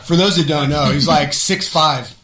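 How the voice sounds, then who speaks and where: A man with a bright, slightly high voice, teasing his guests and laughing easily. He sounds like part of a casual radio chat, in a studio with a roomy echo. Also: moderate pace.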